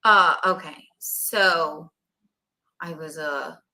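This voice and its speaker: A young stand-up comedian from South Carolina chats as a guest in a casual interview, joking at her own expense in a rambling, self-deprecating way. Her voice is deep, bright, and pushed, and she draws out her words.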